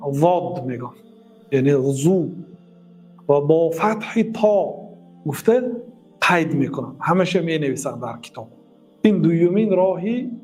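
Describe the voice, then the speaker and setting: A man's voice: on the high side, darkish tone, breathy edge. A man with a Tajik accent, an Islamic teacher giving a religious lesson who recites Arabic verses and translates them line by line.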